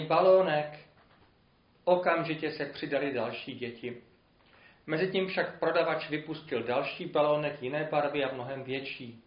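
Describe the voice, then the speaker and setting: A man preaching a sermon and telling a parable in a measured, earnest way, with emphatic rises. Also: on the high side. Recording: roomy, dull lo-fi recording.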